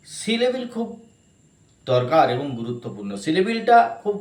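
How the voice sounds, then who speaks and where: Man, grammar teacher, spells words letter by letter, echoey room. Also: sits high. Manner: slow, spells words letter by letter and breaks them into syllables. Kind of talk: explanatory lesson.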